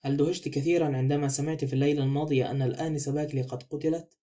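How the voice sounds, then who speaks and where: Male reader voicing a mellow-toned, thoughtful older-gent detective, quick delivery. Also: a little high, steady tone, natural voice. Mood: calm, probing. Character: fussy, thoughtful middle-aged male detective.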